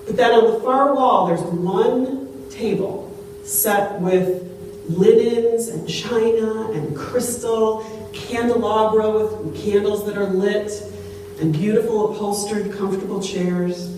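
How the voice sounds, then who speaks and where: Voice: medium pitch, slow, darkish tone. Preacher at a pulpit mic, echoing church. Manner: conversational storytelling, asks the congregation questions. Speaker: pastor. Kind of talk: sermon. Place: church sanctuary. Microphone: pulpit microphone. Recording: very echoey church, distant mic, faint hum.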